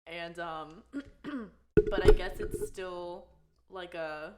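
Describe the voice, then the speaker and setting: A woman with a lowish, very animated voice and drawn-out words talks thoughtfully and hesitantly about her experiences as a podcast co-host in casual chat. She uses many "like" fillers, and the recording is very noisy.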